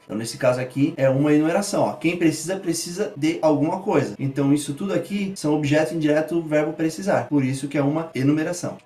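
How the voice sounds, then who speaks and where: A man's voice: on the high side, darkish tone. A man teaching an online grammar lesson, explaining patiently and pointing out examples on screen. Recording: echoey room.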